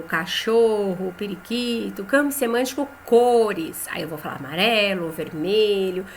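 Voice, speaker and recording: A woman with a Brazilian Portuguese accent teaching a lesson for teachers, talking in a chatty way, often adding "né?", and saying example words slowly and clearly. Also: on the high side, a bit bright, slight background noise. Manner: conversational, tags phrases with "né?".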